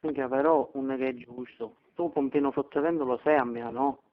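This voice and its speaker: A man's voice: medium pitch, steady tone, a little fast. A man with a Sicilian accent making a prank call over the phone, crude and insistent, with stammered taunts. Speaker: prank caller. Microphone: telephone. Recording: tinny phone line.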